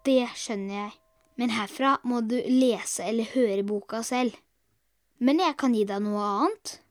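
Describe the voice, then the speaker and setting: A woman's voice: fairly high pitch, dry recording. A woman hosting a children's book podcast from a studio, speaking to young listeners in an upbeat, teasing way. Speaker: podcast host. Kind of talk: friendly direct address to young listeners.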